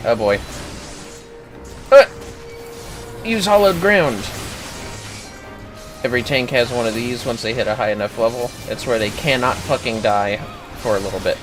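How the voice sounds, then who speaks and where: A gaming host with a mid-range voice speaks at a moderate pace, pausing often as he explains tactics step by step. His livestream commentary is informal and sweary, set over background music.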